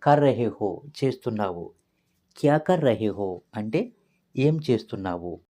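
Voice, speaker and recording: A man's voice: lowish voice, expressive, a little slow, warm tone. A man teaching as a language tutor, patiently explaining phrases word by word and repeating each one.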